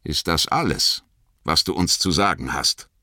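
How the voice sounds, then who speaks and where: A man's voice: extremely low pitch, expressive, measured pace, sharp tone, no echo, clean studio sound, voice pushed up, heavily acted. A man doing Aragorn, a stern commanding leader.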